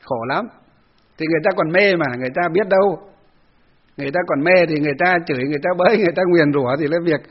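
Brief: a Buddhist monk giving a storytelling dharma talk, high husky voice on a muffled recording. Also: male voice, racing. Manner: storytelling, conversational, acts out quotes.

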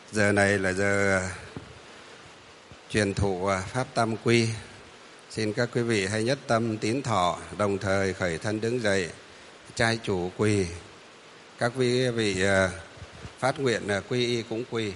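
Hesitant monk instructing. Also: male voice, lowish voice, long reverb tail, a little hiss or hum. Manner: patient, repetitive, many hesitant fillers. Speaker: Buddhist monk leading a refuge ceremony. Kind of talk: instructing a kneeling congregation.

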